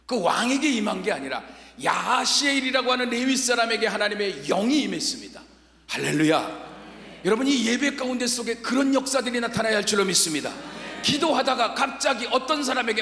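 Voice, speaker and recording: A man preaching a revival sermon in a large church, his voice high, bright and lively, ranging from quiet storytelling to shouted exhortation. The long reverb of the sanctuary rings around every phrase. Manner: dramatic storytelling, swings from hushed to shouted. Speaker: pastor. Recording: echoey church hall reverb.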